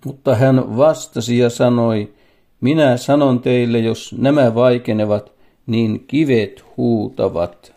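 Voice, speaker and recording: A man's voice: mid-range voice, steady tone, mellow. A man preaching a sermon in a solemn, emphatic manner, asking his listeners direct questions.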